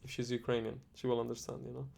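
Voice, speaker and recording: A man from Iran in a casual chat, relaxed and rambling, swearing often. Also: medium pitch, very fast, creaky.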